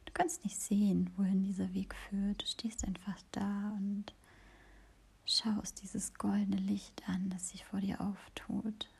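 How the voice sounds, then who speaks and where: A woman hosting a podcast, whispering a slow, soothing guided meditation. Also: mid-range voice, level tone, vocal fry, a little mellow, slightly rough.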